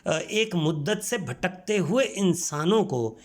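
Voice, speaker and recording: Expressive and high-voiced, a man from Pakistan leads a school language lesson. He goes through the textbook exercises with patience and spells words out one sound at a time.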